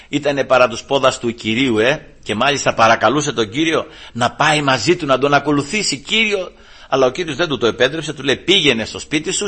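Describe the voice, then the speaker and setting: A man preaches a sermon in a bright, somewhat higher voice with a husky edge. He keeps addressing his listeners as brothers. His delivery climbs into loud, high passages and then drops into quiet, low asides. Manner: addresses listeners as brothers, rising and falling emphasis.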